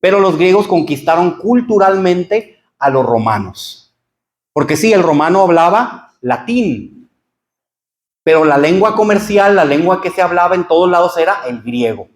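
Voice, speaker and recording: A man's voice: high-pitched, animated, normal speed, roomy sound. A man with a Mexican Spanish accent teaching a church Bible lesson, explaining patiently and addressing listeners as brothers. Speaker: pastor teaching a Bible class. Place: church hall.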